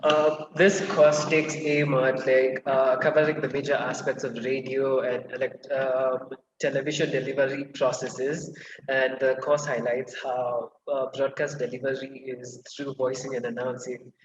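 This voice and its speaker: A man's voice: medium pitch, level tone, unhurried. A man in a student role interviewing a radio announcer, speaking casually with many fillers. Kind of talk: interview questions. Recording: distant, dull, echoey and noisy.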